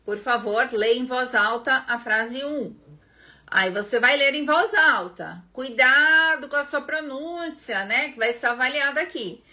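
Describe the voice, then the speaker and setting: A Brazilian woman hosts a casual live lesson, her voice bright and a little high. She takes her time, speaking slowly and chatting directly with viewers by name between explanations. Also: expressive. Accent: Brazilian Portuguese. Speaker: English teacher and live-stream host.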